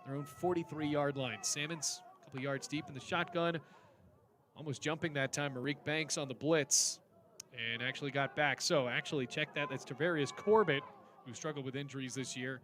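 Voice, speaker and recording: A man's voice: fairly high pitch, fairly even intonation, normal speed, fairly bright tone. A man calling live football play-by-play in clipped, descriptive phrases. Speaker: play-by-play commentator.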